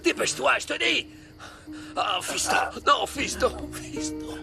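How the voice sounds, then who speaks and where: A man's voice: extremely high pitch, animated, unhurried, gravelly, music in the background, exaggerated voice. An actor in a dubbed telenovela playing a grief-stricken father who pleads, crying, with his dying son. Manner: pleading, broken, urgent.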